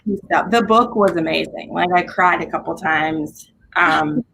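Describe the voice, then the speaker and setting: A woman with a lowish, unhurried voice and some vocal fry chats casually about books as a reviewer in a livestream readalong, joining a group video call from home. The livestream audio is noisy.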